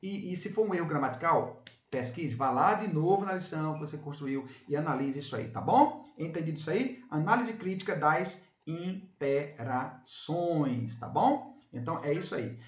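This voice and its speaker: A Brazilian man with a fairly high, very animated voice, teaching English to his viewers. He repeats points and keeps checking that they follow. The sound is a little dull and the room echoes. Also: moderate pace. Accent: Brazilian Portuguese. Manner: repeats himself, tags phrases with "tá bom?". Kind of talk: video lesson, casual explaining.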